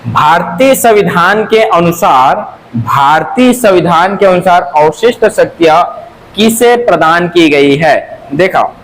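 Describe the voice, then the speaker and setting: Man, Chhattisgarhi accent, coaching teacher, sing-song repetition, slightly high voice, faint background noise. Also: animated, slow, fairly bright tone, rough recording. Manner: repeats drill phrases in a sing-song chant; asks and answers his own questions. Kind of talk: exam-prep lecture.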